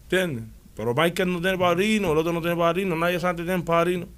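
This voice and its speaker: A man's voice: sits high, fairly quick. Cuban man telling a story animatedly. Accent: Cuban Spanish. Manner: animated storytelling, frequent restarts and "¿me entiendes?". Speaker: interview guest. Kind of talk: casual interview conversation.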